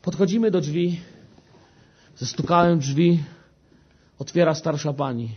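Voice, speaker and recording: A man's voice: fairly high pitch, unhurried, slightly rough. Man telling an earnest testimony. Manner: earnest storytelling, often turning to the listeners. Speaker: preacher giving a testimony. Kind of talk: personal testimony told to a congregation. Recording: dull lo-fi recording.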